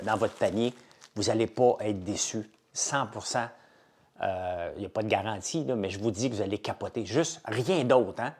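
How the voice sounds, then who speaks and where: A middle-aged man with a Québécois French accent, casually chatting with viewers on a live stream and enthusiastically pitching his products. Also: a little hiss or hum. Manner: chatty, enthusiastic salesman, lively and animated. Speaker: entrepreneur hosting a live chat.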